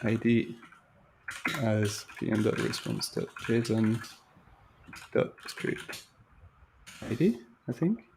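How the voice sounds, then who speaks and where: A man's voice: on the low side, expressive, slow pace, creaky, long pauses, noisy background. Chatty man thinking aloud while coding. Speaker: live stream host. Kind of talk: casual coding walkthrough.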